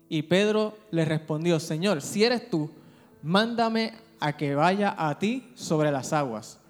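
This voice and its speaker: A male pastor preaching a sermon with emphatic rhetorical questions, recorded in a church. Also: a little high. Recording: church hall reverb with music.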